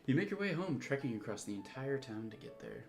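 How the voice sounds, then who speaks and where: Man narrating a game, lively and wry. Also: mid-range voice, a little fast, soft background music. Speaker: streamer narrating a visual novel. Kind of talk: casual reading and joking.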